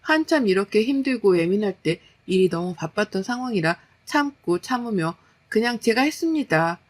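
A woman's voice: medium pitch, lively intonation, moderate pace. A woman narrating a personal story in a plain, confiding retelling.

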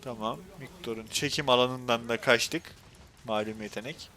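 A young man with a Turkish accent commentating his own gameplay on a live stream, excitable and quick to go from muttering to frustrated outbursts. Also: mid-range voice, slight background noise.

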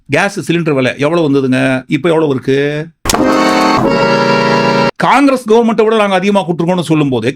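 A man giving political commentary, sarcastic and firing off rhetorical questions. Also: sits high.

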